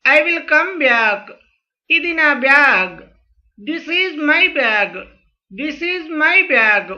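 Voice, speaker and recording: Teacher voice, high-pitched, very slow, each phrase repeated twice, sharp bright tone. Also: big pitch swings, muffled recording. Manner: says each English phrase twice, slowly and clearly. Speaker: spoken English teacher.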